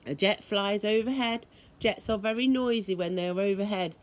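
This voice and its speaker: With deliberate pacing and a mid-range voice, a woman reads a story for children and expressively voices the sounds that appear in it.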